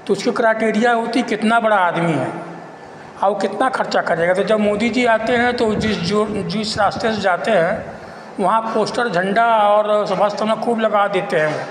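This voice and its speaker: A man giving an informal, halting and repetitive spoken account as a local citizen. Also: high-pitched. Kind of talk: informal spoken monologue of complaint and appeal. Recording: echoey reverberant room with faint noise.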